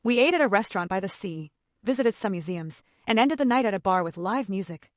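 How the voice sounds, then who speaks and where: Woman reading a reddit-style story, lively up-and-down voice, dry close sound. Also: mid-range voice, fairly quick, no echo. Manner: dramatic, expressive storytelling. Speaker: story narrator. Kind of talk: scripted first-person story narration.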